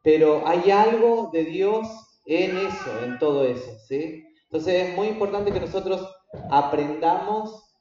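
A man pastor teaching his congregation in a halting way, with many fillers and repeated words. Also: high voice, mellow. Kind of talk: church teaching talk. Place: church hall. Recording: echoey hall, distant, dull and slightly noisy.

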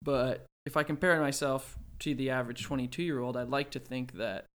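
A man's voice: mid-range voice, fairly even intonation, normal speed, fairly bright tone, clear, resonant tone. A man in his early twenties co-hosting a casual podcast, musing aloud with hesitant, self-correcting phrasing. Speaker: podcast co-host. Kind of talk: casual chat.

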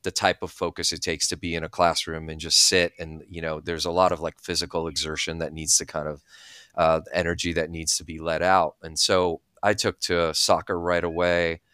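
A man's voice: low-pitched, little pitch movement, normal speed, pushed and bright, smooth, dry recording, studio quality. A man in his thirties, originally from Bulgaria, talking candidly as an interview guest. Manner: thoughtful, candid, many fillers. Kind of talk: casual interview talk.

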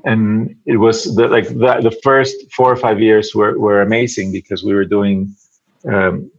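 In a casual English-language interview, a Venezuelan advertising creative and Spanish native speaker guests on a podcast. He's halting, with many repeated words and soft laughs as he thinks out loud. His lowish voice barely moves in pitch, and the highs are cut off.

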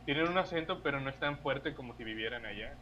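A man's voice: mid-range voice, quick pace, bright, forceful tone, dull audio, slight background noise. A young Mexican man co-hosting a podcast in casual chat, easygoing and hesitant, often repeating himself. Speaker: podcast co-host.

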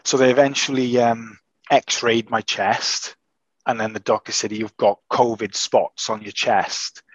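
A man's voice: medium pitch, little pitch movement, no room sound. Hesitant man, dull dry sound. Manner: hesitant, halting with many restarts. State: recovering from illness, voice changed. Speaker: podcast host. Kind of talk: casual chat.

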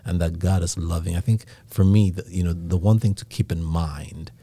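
A man with a Nigerian accent talks through a casual faith discussion in a reflective, teaching way. His voice sits very low and sounds mellow and dark. He checks in with "right?" as he goes. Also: steady tone, normal speed, slightly rough, no echo.

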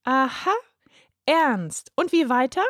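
A woman's voice: high-pitched, big pitch swings, slow pace, no room sound, clean studio sound, voice pushed up, heavily acted. A woman voicing a chirpy little girl. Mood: cheeky. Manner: chirpy, teasing, sing-song. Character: cheerful freckled little girl, playful and bright. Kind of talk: storybook reading.

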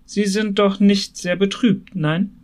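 Figure: young married woman, polite and detached, put on by a male reader. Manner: politely distant, chatty, lifted pitch. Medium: audiobook. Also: steady tone, slow pace, darkish tone. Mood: cool, polite.

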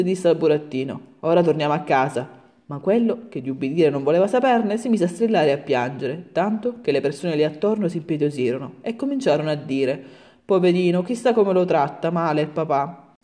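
A woman narrating a bedtime fairy tale in a soft, soothing manner as a storyteller. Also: low voice.

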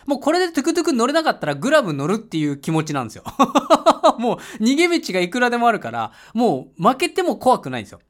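A man host telling a casual travel story, laughing often and breaking into loud English shouts when he reenacts moments. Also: extremely high pitch, wildly swooping pitch, quick pace, few pauses. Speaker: podcast host. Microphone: home mic voice message.

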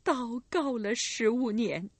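A woman's voice: on the high side, takes it slowly, breathy edge, no room sound, full character voice. A woman voicing a grieving vengeful recluse mother. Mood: bitter vengeful. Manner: anguished, pleading, cries out.

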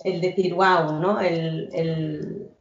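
A woman in her thirties from Catalonia, a guest telling her story in a relaxed interview, reflective and full of small restarts. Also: lowish voice, drawn-out words, a little hiss or hum. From Catalonia, Spain. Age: 30s. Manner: warm, reflective, many fillers and restarts. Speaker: guest, entrepreneur. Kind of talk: conversational interview. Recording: roomy, dull lo-fi sound.

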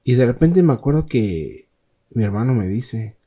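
A man with a Mexican accent chats on a podcast, telling a story in a relaxed, slangy way. His voice is husky and his intonation swings widely, lively and expressive as he imitates others. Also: mid-range voice, normal speed, lo-fi sound. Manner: animated, slangy, acts out other people's voices. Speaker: podcast host. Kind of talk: casual storytelling chat.

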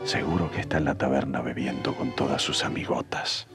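An actor playing a put-upon, grumbling husband in a radio drama, plaintive and exclamatory. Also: male voice, very deep voice, steady tone, brisk. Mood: bitter muttering. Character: put-upon, pleading househusband who turns bossy and grumbling. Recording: music behind the voice.

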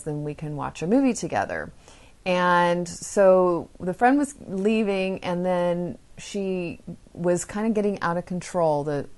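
A middle-aged woman hosting a podcast, telling parenting stories in a calm, earnest way. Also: fairly low pitch. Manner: calm, earnest storytelling with acted quotes. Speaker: podcast host.

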